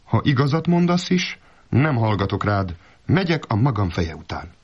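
A man's voice: fairly low pitch, very animated, darkish tone, slightly rough. A man voicing a foolish, stubborn old peasant in a folk tale, talking in a plaintive, simple-minded way. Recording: dull lo-fi recording.

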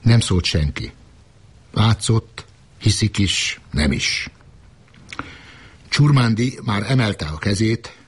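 A man narrating a literary novel in a measured, unhurried reading. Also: deep voice, slightly rough.

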